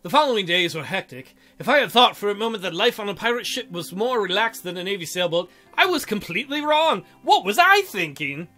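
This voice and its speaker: A man with a high-pitched, very animated voice hosts a let's play, reading a visual novel aloud fairly quickly with hardly any pauses, his tone pushed and bright. He adds jokey, theatrical commentary and slips into silly mock voices over game music.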